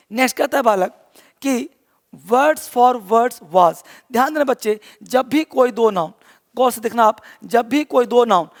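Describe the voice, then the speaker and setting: A man's voice: very high-pitched, gravelly, long reverb tail. A man teaching an English grammar class online, explaining step by step and often calling his students children.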